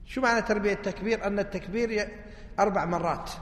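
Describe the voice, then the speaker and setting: A religious teacher explains hadith texts, often pausing to ask his listeners a question before answering it himself. His voice sits high for a man. The recording carries a long, roomy hall reverb. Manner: asks rhetorical questions and answers them himself.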